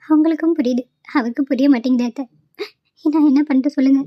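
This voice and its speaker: Lady doing a weepy young daughter-in-law in a cartoon, high pleading voice, dry dull sound. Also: fairly even intonation, fairly quick, dry recording, close to an everyday voice. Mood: sad. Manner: pleading, tearful.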